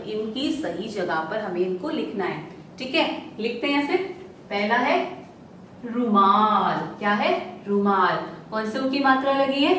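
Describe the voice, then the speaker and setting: Woman primary teacher, slow coaxing delivery, slightly high voice, echoey room, mic a few feet off. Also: distant mic, a little hiss or hum. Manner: slow, drawn-out syllables, coaxing questions answered herself. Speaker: primary school Hindi teacher. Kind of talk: recorded online lesson for young children.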